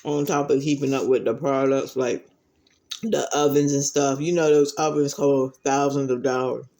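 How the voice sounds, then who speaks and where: A man chatting casually to viewers while he eats, giving earnest advice with pauses between phrases. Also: medium pitch, fairly even intonation, a little mellow. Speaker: mukbang vlogger.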